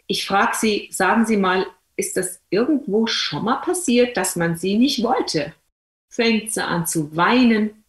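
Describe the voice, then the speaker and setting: A woman, a doctor, telling patient stories to an audience in a lively, colloquial, emphatic way. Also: mid-range voice, reverberant. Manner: colloquial, emphatic, addresses listeners directly. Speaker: doctor and speaker. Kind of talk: lively storytelling talk to an audience.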